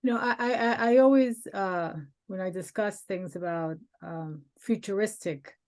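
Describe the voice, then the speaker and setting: A woman joins an online workshop discussion, speaking hesitantly and starting her sentences over. Her voice is mid-pitched and plain, heard over a video call. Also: moderate pace, a little mellow. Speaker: workshop participant. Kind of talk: casual discussion.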